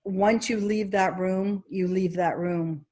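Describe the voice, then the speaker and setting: Woman casting director with a New York accent, animated and chatty, interview guest. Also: medium pitch, slow. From Egypt. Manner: animated, laughs often, quotes herself. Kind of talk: casual interview chat.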